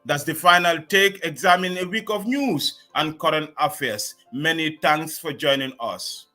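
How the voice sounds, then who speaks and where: Bright-voiced male talk-show host. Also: a little high, faint music behind. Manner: measured, formal scripted delivery. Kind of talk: formal current-affairs interviewing.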